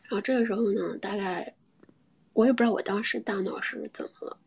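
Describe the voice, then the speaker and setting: A young woman telling a personal story in a soft, often half-whispered voice, hesitant and full of restarts. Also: mid-range voice, fairly quick, vocal fry, breathy edge.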